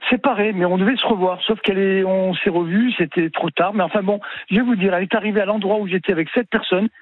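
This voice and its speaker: A man in his sixties speaks on a tinny, dry phone line, and his voice sits high for a man. He tells his story haltingly, stalling and repeating words as he goes. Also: no echo. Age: 60s. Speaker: caller. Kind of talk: telling his life story on a call-in show.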